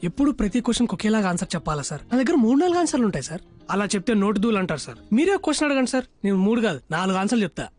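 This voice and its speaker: A man's voice: high-pitched, very animated. A man dubbing a chatty, cheeky job candidate in a film interview scene, with music underneath. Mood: earnest. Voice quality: talkative, quick, cheeky. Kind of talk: Telugu film dub dialogue.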